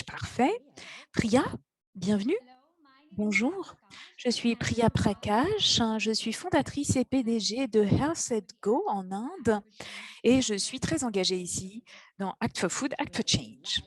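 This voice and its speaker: A woman interpreting live for an online event, her voice husky and a little breathy. She keeps up with the speakers in bursts, pausing on fillers and restarting phrases as she goes. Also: medium pitch. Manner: halting, with fillers and restarts while keeping up with speakers. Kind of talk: live interpretation of moderator and panel introductions.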